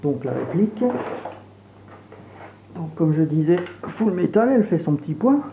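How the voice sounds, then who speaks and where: A man with a creaky voice on the high side, speaking at normal speed, reviews airsoft gear with a regional French accent from Franche-Comté. His casual unboxing and demo is relaxed, hesitant and packed with fillers as he handles things, recorded with a tinny, phone-like quality and faint hiss.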